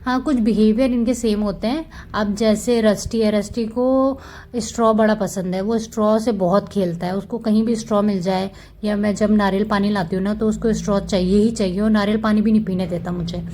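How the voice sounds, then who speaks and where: A woman's voice: medium pitch, steady tone, fairly quick, dark tone. A woman giving a casual, chatty voice-over about her pet cats, fond and explaining as she goes. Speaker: cat vlogger.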